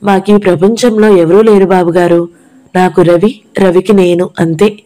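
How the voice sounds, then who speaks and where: A woman voices a gentle, grieving young woman from an audio novel. She speaks softly and hesitantly, with a mellow, warm tone. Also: lowish voice, steady tone, unhurried, close to an everyday voice. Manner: soft, pleading, hesitant.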